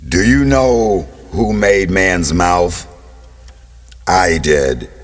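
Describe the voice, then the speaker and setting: A man voicing God speaking from a burning bush in a children's Bible story, his voice magically amplified into a loud, slow, commanding boom with long reverb. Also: soft background music. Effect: magically amplified, booming voice with long reverb.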